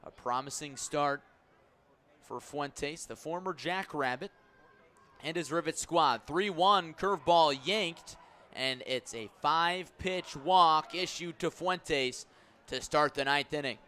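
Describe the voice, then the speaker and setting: A male announcer calls baseball play-by-play live in a bright, forceful voice pitched slightly high, in the style of radio sports commentary. He talks at a slow pace in clipped phrases, stressing key words.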